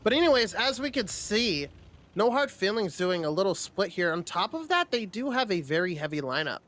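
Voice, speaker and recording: A man's voice: high-pitched, very animated, normal speed, a bit bright. A man co-casting a live esports match over a remote call, rambling and full of fillers, often checking "right?". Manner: rambling, filler-heavy, keeps asking "right?". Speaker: esports co-caster. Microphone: remote call over the internet.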